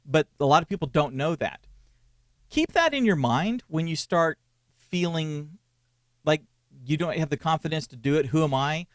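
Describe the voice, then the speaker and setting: His voice is on the high side and expressive, moving at normal speed with no room sound. He's a man in his forties and a church media consultant, co-hosting a casual ministry podcast where he rambles, restarts sentences, and lets out small chuckles.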